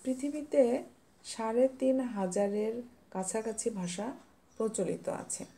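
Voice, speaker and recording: A woman teacher explains a grammar lesson step by step, patient and unhurried, pausing to pose quiz questions. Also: on the high side, mellow. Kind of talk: classroom lesson reading notes.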